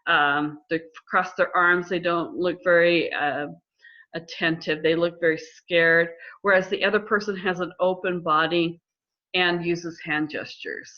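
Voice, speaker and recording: A middle-aged woman counselor explaining listening skills in a calm, measured way during a conversation. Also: lowish voice. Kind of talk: instructive conversation. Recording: slightly dull lo-fi audio.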